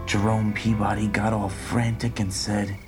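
Storyteller, male, whispered role-play, slow and low, music bed behind. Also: level tone. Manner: whispered, slow first-person telling.

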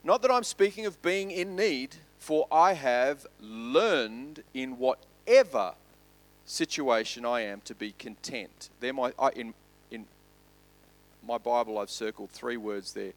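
Male pastor, sermon delivery, emphatic with wide swings in loudness. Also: medium pitch, expressive. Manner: emphatic, rising loud on lists, dropping soft and slow on key points.

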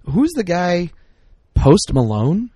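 Crowd noise fills the background as a middle-aged man co-hosts a podcast in casual chat, rambling and exasperated and frequently stopping mid-word. He speaks slowly in a high-pitched voice with huge pitch swings.

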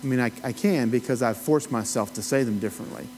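Speaking fast in a mid-range, darkish voice, a man with an Appalachian accent from the United States teaches a Bible study like an informal, conversational lecture. He's folksy and rambling, tossing questions to his listeners. The audio is poor, with slight background noise.

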